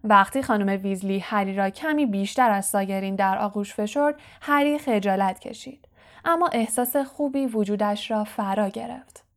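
A woman reading a novel aloud as an audiobook narrator, steady and clear. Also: medium pitch. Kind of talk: scripted narration.

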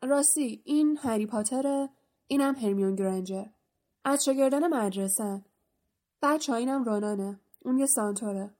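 A woman voicing a huge, gruff male half-giant gamekeeper, speaking loudly and in a blustering, nervous way in an audiobook. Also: fairly high pitch, natural voice. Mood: eager. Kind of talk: audiobook character voice.

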